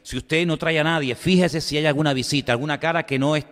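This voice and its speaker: Pastor telling a story in a sermon, goes loud then quiet, big echoey church hall. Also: male voice, steady tone, fast talker. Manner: conversational storytelling, swings between loud emphatic and low asides. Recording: long hall reverb.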